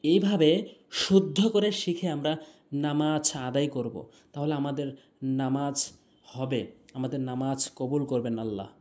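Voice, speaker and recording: A man teaching Quran pronunciation, spelling out each letter and vowel, then chanting the verse slowly with long drawn-out notes. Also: medium pitch, a little mellow.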